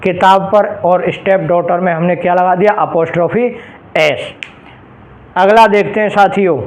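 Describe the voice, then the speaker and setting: A male English grammar teacher giving an exam-prep lesson. He explains each rule patiently and reads out example phrases slowly, stopping to ask his students rhetorical questions. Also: high voice, steady tone, poor audio. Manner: addresses students directly and checks understanding with rhetorical questions.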